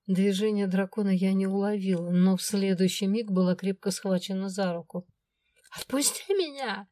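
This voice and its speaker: A woman narrating a first-person fantasy audiobook with expressive storytelling. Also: mid-range voice, brisk, no echo.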